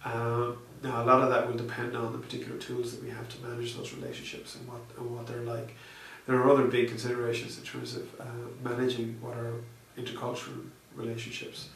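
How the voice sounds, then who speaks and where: This interviewee, a man working as a software researcher, replies in a hesitant, conversational style packed with fillers and restarts. His mid-range voice is monotone, brisk, gravelly and a bit bright with few pauses, captured in an echoey room by a distant mic amid faint noise.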